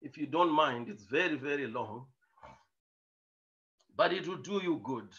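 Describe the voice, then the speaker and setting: A man preacher telling a story in a sermon, emphatic, with rhetorical questions and bursts of shouting. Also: a little high, animated, a little slow, recorded from a distance. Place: church hall. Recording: echoey dull lo-fi church recording.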